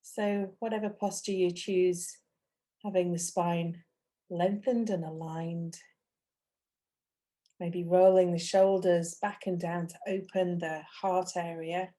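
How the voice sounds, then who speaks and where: A woman guides a meditation as its teacher, keeping a steady tone in her soft, mellow, fairly low voice. Her pace is gentle and slow, short phrases broken by long pauses.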